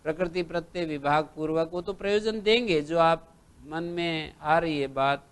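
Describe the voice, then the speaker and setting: A man teaching Sanskrit grammar in a classroom lecture. He recites lines from old texts and then explains them slowly, one step at a time. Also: fairly high pitch. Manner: slow, recites text then explains, lists letters one by one.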